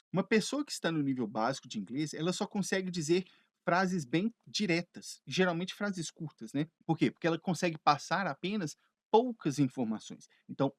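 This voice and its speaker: A man's voice: on the high side, no room sound, clean studio sound. Chatty Brazilian-Portuguese-speaking man teaching. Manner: lively, chatty, asks himself questions and answers them. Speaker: English teacher. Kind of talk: explaining English phrases.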